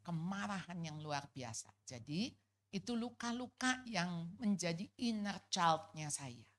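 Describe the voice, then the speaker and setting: A middle-aged woman from gives a personal testimony at a church couples' fellowship, telling it in a lively, casual way with colloquial asides. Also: lowish voice, a little slow. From Jakarta.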